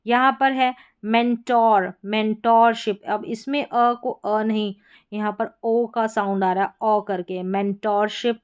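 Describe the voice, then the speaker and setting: Clear-voiced Indian woman teaching pronunciation. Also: fairly high pitch, steady tone, highs cut off. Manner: slow, deliberate, spells words letter by letter. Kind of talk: explaining spelling patterns.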